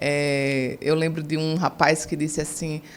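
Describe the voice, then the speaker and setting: A woman's voice: deep voice, level tone, unhurried. A chatty middle-aged woman with a Paraíba accent, a podcast guest talking in a casual interview and laughing often. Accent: Paraíba Northeastern Brazilian. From Campina Grande, Paraíba, Brazil.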